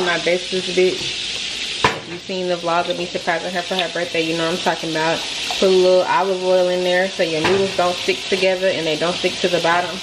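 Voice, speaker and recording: A young woman, chatting loosely to viewers in a casual cooking vlog, filmed on a phone in a small home kitchen. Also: fairly low pitch. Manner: chatty and loose, talks straight to viewers as "y'all". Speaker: vlogger. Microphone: handheld phone camera. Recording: home kitchen with clear frying and stovetop noise.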